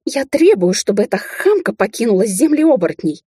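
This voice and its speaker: A woman voicing a hysterical, spiteful young she-wolf in an audiobook, with a shrill, squealing voice. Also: big pitch swings, a little fast, mellow, slightly rough, no room sound, studio quality, full character voice. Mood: shrieking. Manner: hysterical shrieking.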